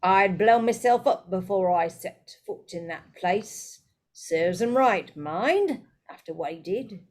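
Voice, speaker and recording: A stolid older bus driver with a gruff, slow way of talking, as a woman reading aloud puts him on. His words come out heavy and unhurried. It sounds like a storybook read aloud. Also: mid-range voice, animated.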